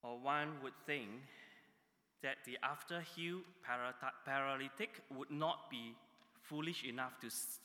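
In what sounds like a large hall, a long reverb follows every phrase of this man's sermon. He preaches at a slow, deliberate pace, his voice tense and piercingly bright, punching key words with sharp leaps in pitch.

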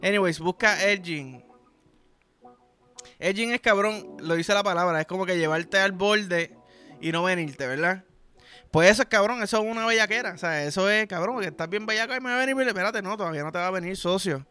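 A man's voice: high voice, fairly quick, bright, forceful tone, clear, resonant tone, soft background music. A young man with a Puerto Rican accent, hosting a podcast in a crude, rambling comedic monologue full of slang. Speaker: podcast host.

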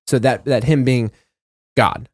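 A man co-hosting a casual Bible discussion, reading scripture passages aloud and talking them over in a relaxed way with small fillers and self-corrections. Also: medium pitch, a little slow, dry recording, clean studio sound.

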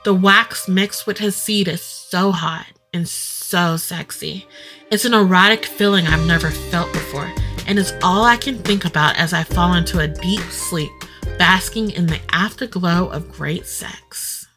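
A woman's voice: fairly low pitch, measured pace. A woman host narrating an erotic audio story in intimate first person, with guitar music behind.

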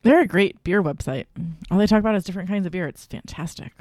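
A podcast co-host in casual beer-tasting chat, chatty and playful, with quick asides. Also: mid-range voice, darkish tone, no room sound, clean studio sound.

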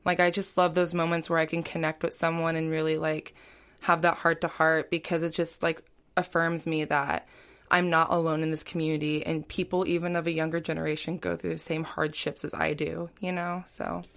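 A young woman with a smooth, clear voice pitched on the low side chats casually as a podcast guest. She talks in a loose, rambling way, leaning on "like" and "you know" as she goes. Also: level tone, brisk, a bit bright. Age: young adult. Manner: chatty, heavy on "like" and "you know". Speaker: guest, college student. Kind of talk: casual interview talk.

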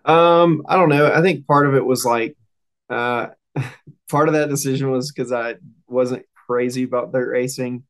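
In a mid-range, steady voice at a measured pace, a young Southern US man chats informally as an interview guest. He's a race car driver, and he rambles and hesitates while talking through his career.

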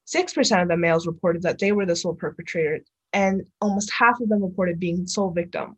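Husky young woman presenting research. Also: mid-range voice, a little mellow, low-quality recording. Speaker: youth podcast presenter. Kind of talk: scripted informational presentation.

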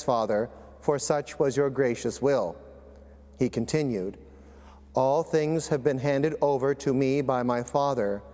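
Male priest for Gospel and homily, solemn and measured, recorded with long cathedral-style reverberation. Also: medium pitch, dark tone. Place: large reverberant church. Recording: long cathedral echo, large reverberant church.

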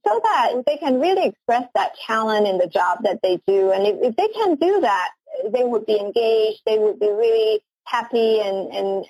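A Hong Kong woman in her forties, the CEO of a company, answers interview questions earnestly and eagerly, often repeating her first words as she starts a sentence. Her voice is a little high and a little mellow. The recording is dry and rough.

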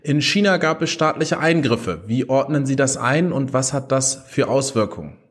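A man's voice: medium pitch, lively intonation, moderate pace. A man hosting a formal interview podcast, addressing his guest and listeners courteously.

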